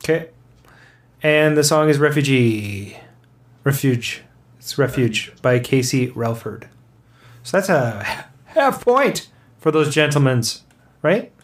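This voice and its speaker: A man's voice: mid-range voice, very animated, slow pace, long pauses. A man hosting a music quiz show in natural, unscripted, casual and easygoing talk.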